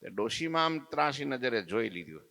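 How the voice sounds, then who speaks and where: A man giving a devotional storytelling discourse in a temple, animated and swinging between loud and soft as he acts out the quotes. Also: mid-range voice, a little fast, gravelly. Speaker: swami giving a scripture discourse. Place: temple hall.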